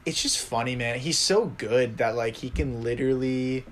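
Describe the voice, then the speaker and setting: Young man, podcast co-host, animated storyteller, mid-pitched voice, faint background hiss. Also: normal speed. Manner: animated storyteller, laughs often. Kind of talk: casual chat.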